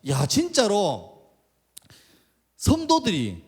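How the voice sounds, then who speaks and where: Animated pastor with a husky voice. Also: male voice, high voice, very slow. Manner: animated, acts out quoted voices. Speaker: pastor and school chaplain. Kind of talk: storytelling sermon. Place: church sanctuary.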